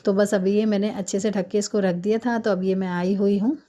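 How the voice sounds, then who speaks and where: A woman doing a hurried, chatty cooking voice-over while fasting, explaining each step at home. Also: medium pitch, fairly even intonation, dark tone. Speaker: home cook vlogger.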